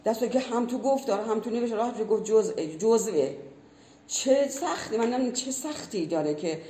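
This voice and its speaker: A woman's voice: fairly high pitch, warm tone. A woman who teaches language, explaining earnestly in conversation and giving many spoken examples. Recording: roomy echo.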